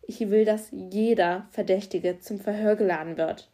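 A driven male police officer, firm and commanding yet caring, read by a woman in an audiobook. Her voice stays mellow and mid-pitched, just somewhat louder for his lines. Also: fairly even intonation, moderate pace, close to an everyday voice.

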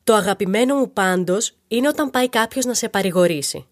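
A woman's voice: mid-range voice, animated. A woman host telling darkly comic stories in a playful monologue, talking straight to the listener. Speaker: podcast host. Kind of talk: comedic storytelling monologue.

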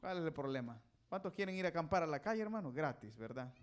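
A male preacher giving a folksy sermon, teasing and calling out questions to the congregation, swinging between loud and soft. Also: fairly high pitch, big pitch swings, quick pace.

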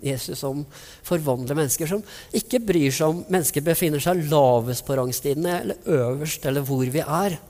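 Male preacher, slightly high voice, vivid storyteller, long hall reverb. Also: a little mellow. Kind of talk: sermon.

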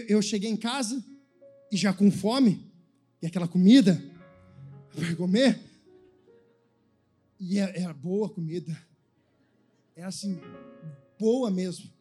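A man with a Brazilian Portuguese accent preaching a sermon as a pastor. He tells a story quietly, then breaks into a sung, shouting preaching cadence. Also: high-pitched.

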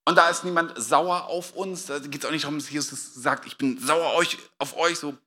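A man delivering a sermon, his voice pitched high and ringing very bright. He shifts from quiet, reflective passages into loud, dramatic outbursts as he acts out the quotes he cites. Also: steady tone, normal speed. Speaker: pastor.

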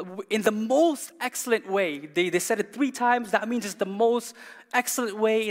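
A man's voice: high voice, big-room sound. A male pastor preaching a sermon to his congregation, emphatic, repeating key words and putting questions to the listeners. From Canada. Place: church hall.

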